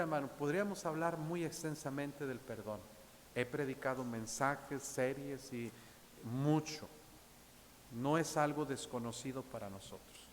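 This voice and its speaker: A man's voice: medium pitch, big-room sound, a little hiss or hum. A man preaching a Sunday sermon as pastor, reading scripture aloud and calling his listeners brothers. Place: church.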